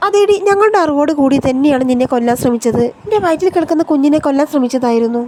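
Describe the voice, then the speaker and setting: A woman's voice: high-pitched, lively intonation, racing, mellow, slight background noise. A woman voicing a scheming young man who mocks his cousin's wife and then denies everything. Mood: sneering. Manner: mocking, then defensive denials.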